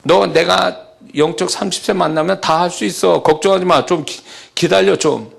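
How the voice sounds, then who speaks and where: A man preaching who voices God speaking calmly and reassuringly to a worried believer, slowly and in a lower voice. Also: gravelly, slightly rough, full character voice.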